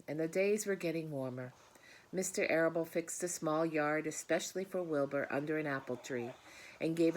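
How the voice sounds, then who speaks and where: A woman with a deep, darkish voice reads a children's book aloud. As a storybook reader, she talks directly to her listeners and adds explanatory asides.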